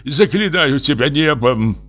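A man voicing a drunk, distraught middle-aged professor who pleads in high, drawn-out wails. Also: expressive, fairly bright tone. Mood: anguished.

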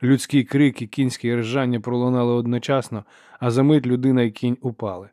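A man reading a novel aloud as an audiobook narrator, in steady, measured storytelling. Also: mid-range voice, dry recording, clean studio sound. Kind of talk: scripted narration.

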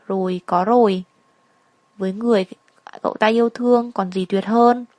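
A woman's voice: mid-range voice, darkish tone, no room sound. A woman telling a melancholy first-person story in a reflective narrating style.

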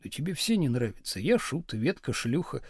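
A meek young husband in an audiobook, voiced by a man, speaking quietly and a little lower than the reader's own voice. He sounds mild and resigned, with the dry, close sound of a studio reading. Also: big pitch swings, normal speed, husky, no room sound. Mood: meek, wry.

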